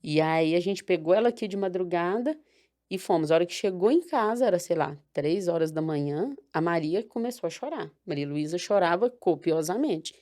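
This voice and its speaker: A woman in her thirties from Brazil, speaking in a somewhat low voice. She talks softly and reflectively and often restarts her sentences, as in a casual podcast chat. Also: expressive, normal speed. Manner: soft, reflective storytelling with frequent restarts.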